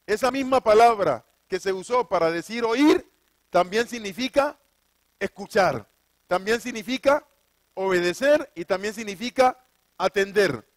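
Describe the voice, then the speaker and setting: A man with a notably high voice delivers a sermon, firing rhetorical questions at the congregation and answering them himself. He leans on repetition to drive each point home. The sound is close and dry, with almost no room echo. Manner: repeats key phrases for emphasis. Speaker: preacher. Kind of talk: sermon with scripture reading.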